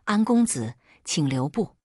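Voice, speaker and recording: A woman's voice: sits low, sing-song, a little slow, mellow, husky, no echo, clean studio sound, full character voice. A woman voicing a humble, contrite male scholar who speaks deferentially.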